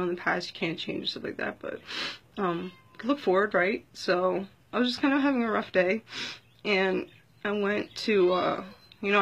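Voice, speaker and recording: A woman's voice: mid-range voice, husky, dull audio. Earnest rambling woman sharing a testimony. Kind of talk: casual testimony vlog.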